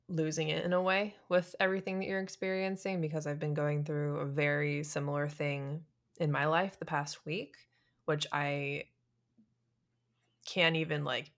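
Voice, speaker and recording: A woman with a notably deep voice hosts a relaxed podcast chat. She thinks aloud, feeling her way through ideas as she speaks. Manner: thoughtful, searching for words, exploratory. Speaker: podcast host. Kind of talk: casual conversation.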